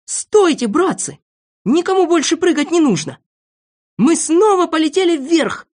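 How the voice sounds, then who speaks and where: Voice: very high-pitched, big pitch swings, a little slow, a little mellow, voice pushed up, heavily acted. A storybook reader voicing a boastful, scatterbrained little shorty who squeals shrilly when panicking. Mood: excited.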